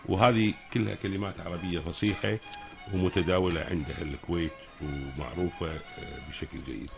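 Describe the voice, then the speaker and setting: A man with a Kuwaiti Gulf Arabic accent explaining things as a guest expert on a radio talk, pausing to search for words. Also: low-pitched, steady tone, vocal fry, music in the background.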